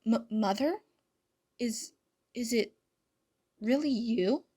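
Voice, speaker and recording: A woman's voice: fairly high pitch, animated, slow, darkish tone, full character voice. A woman voicing an earnest teenage boy who stammers when he is shaken, in a fan reading of a story. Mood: stunned.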